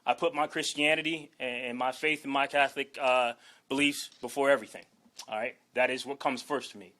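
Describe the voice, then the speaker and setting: His mid-range voice is steady, bright and forceful, running a little fast. The speaker, a Washington, D.C. native in his forties, is a newly named head football coach giving his introductory press conference remarks earnestly and emphatically, fighting back emotion and tagging sentences with "okay?" and "all right?"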